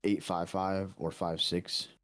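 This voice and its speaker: Laid-back swearing man, very low voice. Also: little pitch movement, slow pace, fairly bright tone. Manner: laid-back, swears a lot, playful teasing. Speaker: podcast co-host. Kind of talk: casual chat among friends.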